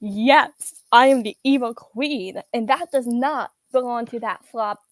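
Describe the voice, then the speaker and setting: A woman voicing a vain, boastful evil queen diva, her voice run through a voice changer that shifts its pitch, speaking haughtily and laughing at herself mid-sentence. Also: measured pace, no echo. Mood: haughty. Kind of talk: comedic character roleplay.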